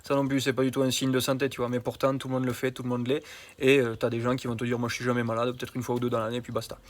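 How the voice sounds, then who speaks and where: A man's voice: mid-range voice, monotone, rapid-fire. Male health coach, casual vlog, talks straight to the viewer, familiar and slangy, punchy emphasis. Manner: colloquial and familiar, addresses the viewer directly.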